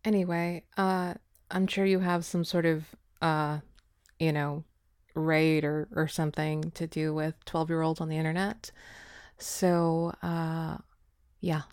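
A woman voicing a scornful young ex-girlfriend in an audio roleplay, with a mocking manner that often drops to a low whisper. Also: flat delivery, slow pace, darkish tone, smooth, dry recording, clean studio sound.

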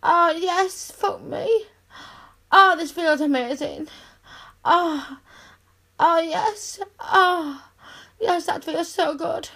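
Slow, teasing woman with a commanding tone. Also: very high voice, sharp tone. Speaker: audio roleplay performer. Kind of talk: scripted audio roleplay monologue.

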